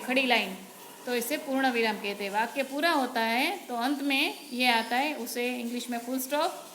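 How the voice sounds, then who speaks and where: High-voiced woman teaching grammar. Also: fairly bright tone. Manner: patient, explains step by step, often says "barabar". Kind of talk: Hindi grammar lesson. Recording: echoey room with faint noise.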